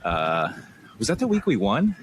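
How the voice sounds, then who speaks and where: Low-voiced guy hosting a chill podcast, rambly, laughs a lot, noisy audio. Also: wildly swooping pitch, normal speed. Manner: easygoing, laughs often, rambling storyteller. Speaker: podcast host. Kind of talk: casual chat. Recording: noisy recording.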